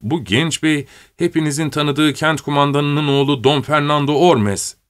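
A man's voice: on the high side, normal speed, smooth, pitched above the performer's own voice, close to an everyday voice. A man voicing a desperate young noblewoman. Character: young female noblewoman, frightened and pleading.

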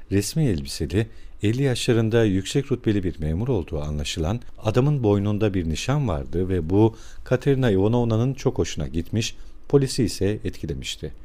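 Low mellow male audiobook narrator. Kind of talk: scripted narration.

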